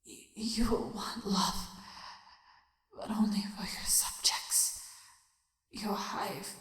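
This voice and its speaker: A woman voicing an old dying changeling queen in an audio drama, breathy and half-whispered, sinister yet tender, solemn and deliberate. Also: medium pitch, steady tone, a bit bright. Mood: weak, dying. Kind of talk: dramatic audio fiction acting. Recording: heavy echoing reverb, music underneath. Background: music.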